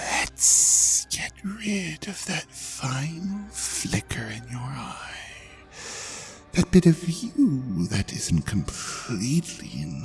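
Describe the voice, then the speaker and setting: The role here is an ancient dragon god, smug and seductive, brought to life by a performer in an intimate audio drama. The voice is mid-range with a darkish tone, coaxing and teasing the listener through breathy, half-whispered lines.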